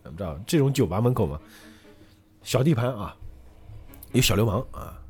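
A man's voice: lowish voice, moderate pace, breathy edge. A man hosting a podcast, casually retelling a story and acting out every character. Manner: animated, acts out every character. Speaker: podcast host.

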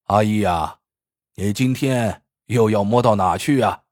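A man voicing a fat, scheming male shopkeeper who mocks and tests a blind customer, with a husky, teasing manner in a storybook tale. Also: on the low side, a little slow, a little mellow, dry recording, clean studio sound, pitched below the performer's own voice, lightly acted. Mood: mocking. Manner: sneering, teasing.

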